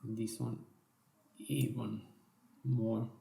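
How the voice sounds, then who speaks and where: Man, design tutorial instructor, slow step-by-step talk, dark gravelly voice, going hoarse, echoey room. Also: mid-range voice, level tone. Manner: slow, step-by-step instructions with fillers and self-corrections. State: losing his voice. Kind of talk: screen-recorded software tutorial.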